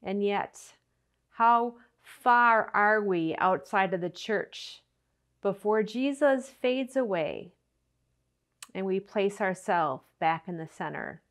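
A woman giving an earnest Good Friday reflection and reading scripture at a church service. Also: medium pitch. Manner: slow, earnest, expressive delivery. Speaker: church speaker.

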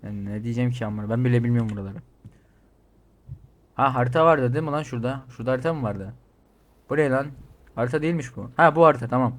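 A man giving crude, excitable commentary while playing a game, reading out the other characters' lines and yelling when startled. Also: mid-range voice, quick pace, pauses often. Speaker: gaming streamer. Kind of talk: swearing playthrough commentary.

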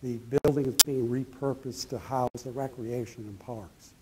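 A man's voice: medium pitch, steady tone, moderate pace, very noisy. A middle-aged man presenting a library project at a town hall meeting, explaining plans and answering audience questions on a handheld mic in a meeting room. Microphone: handheld microphone.

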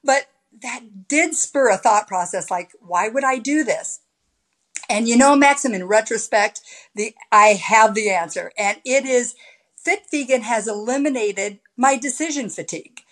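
This woman in her sixties speaks in a slightly high voice and tells her story with lots of animation, gesturing as she talks. She is a podcast guest on a video call, recorded through a laptop webcam in a high-ceilinged room at home. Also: animated, measured pace, fairly bright tone. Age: 60s. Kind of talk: casual interview chat.

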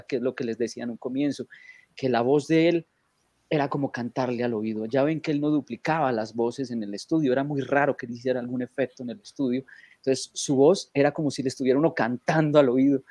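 Dry, animated male storyteller. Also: mid-range voice, dry recording. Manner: animated, emotional storyteller with lots of "¿no?". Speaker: guest telling anecdotes. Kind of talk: casual conversation, storytelling.

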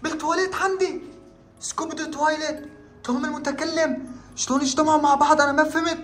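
A man narrating a horror prank vlog at home, excitable and acting scared as he talks to his viewers. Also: extremely high pitch, fast talker, roomy sound, soft background music. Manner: excitable, feigning fear, addresses viewers. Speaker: vlogger. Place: room at home.

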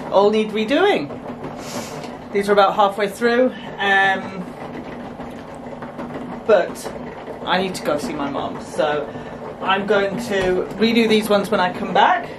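A woman's voice: medium pitch, slow pace, long pauses. Chatty woman in a noisy kitchen. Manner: chatty, explains as she works. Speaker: homestead vlogger. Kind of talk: casual kitchen chat. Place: small home kitchen, indoors. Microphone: camera mic on the counter. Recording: noisy kitchen camera audio.

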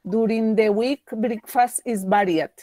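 Slow halting woman reading English. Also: a little high, mellow, dry recording. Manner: halting, restarts words while reading. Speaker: student. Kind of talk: reading a class answer aloud. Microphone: video call.

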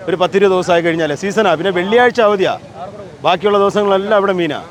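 Male fish trader, Kerala Malayalam accent, high voice, rapid unscripted explanation in the open air. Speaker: fish seller. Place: outdoor beach fish market.

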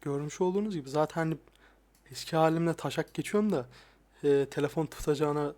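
Recorded with a lapel mic, this young man, an ASMR YouTuber, chats quickly in a soft-spoken vlog. He's crude and swears a lot, and at times his voice sinks low.

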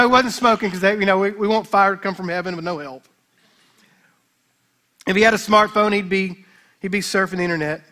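A man with a high, ringing voice preaches at a church service. He retells the scripture story as an animated, joking storyteller and throws in playful asides to the congregation. His tone stays bright and forward throughout. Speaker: pastor. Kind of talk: sermon.

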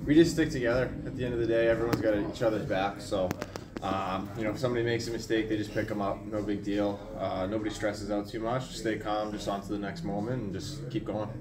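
A man, a hockey player, calmly answering reporters' questions after a game in a matter-of-fact way. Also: on the low side, a little fast. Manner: calm, matter-of-fact team talk. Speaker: hockey player at post-game press availability. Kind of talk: post-game press interview. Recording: echoey room, distant mic, crowd noise.

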